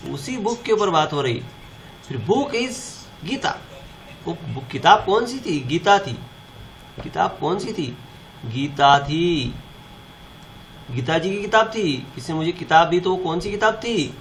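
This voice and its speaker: A man runs a classroom grammar lesson, his voice set a little high. He poses questions and answers them himself, again and again. A soft hiss sits under the recording. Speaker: teacher.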